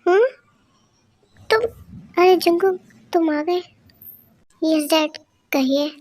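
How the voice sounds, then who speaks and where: Woman narrator for a homemade audio story; high, unhurried, hops between characters, light background hiss. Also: fairly even intonation, darkish tone. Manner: switches quickly between character voices, lots of hums. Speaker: fan story narrator voicing all characters. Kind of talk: amateur audio drama reading.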